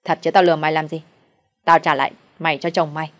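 A woman's voice: low voice, level tone, fast talker, lightly acted. A woman voicing a cruel, scheming young mistress who speaks coldly and mockingly. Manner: cold, mocking.

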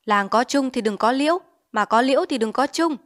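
A woman voicing a hot-tempered middle-aged village chief who shouts orders in an audiobook. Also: high voice, expressive, a little fast. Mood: defiant. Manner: shouting, bossy.

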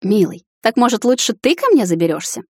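A woman's voice: medium pitch, expressive, fairly quick, a little mellow, slightly rough, no room sound, clean studio sound, pitched above the performer's own voice. A woman voicing a cheeky, stubborn young noblewoman who teases her fiancé with mock gasps, in a storybook reading. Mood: teasing. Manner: mock-gasping, teasing.

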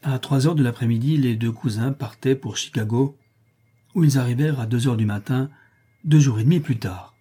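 A man narrating a story aloud in a measured, storytelling way. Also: mid-range voice, mellow, husky. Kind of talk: audiobook reading.

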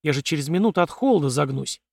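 A man's voice: on the high side, expressive, fast, vocal fry, no room sound, studio quality. Man voicing a stubborn, cheeky young woman drifter. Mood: indignant. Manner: blunt, cheeky, slangy retorts.

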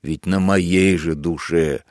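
A man's voice: low voice, steady tone, slow, no room sound, clean studio sound, voice pushed down. Man voicing a sly sadistic lieutenant. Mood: mock-kindly. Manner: mock-kindly coaxing, then gleeful shouting. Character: sly sadistic male army lieutenant, feigning mercy. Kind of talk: audiobook character voice.

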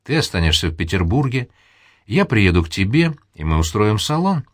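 A man's voice: on the low side, big pitch swings, moderate pace, no echo, clean studio sound. A man doing a vain, grand colonel's widow. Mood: condescending, dreamy. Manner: grand, condescending, theatrical sighs. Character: vain, scheming middle-aged colonel's widow.

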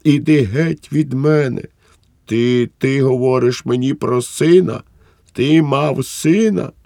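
A man reading aloud and voicing a furious, grieving mother who shrieks curses in a high, loud voice. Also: slow, no echo, studio quality. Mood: shrieking rage. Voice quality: shrill, shrieking.

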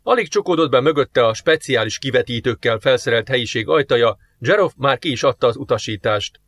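A man's voice: mid-range voice, expressive, fairly bright tone. Man narrating an audiobook.

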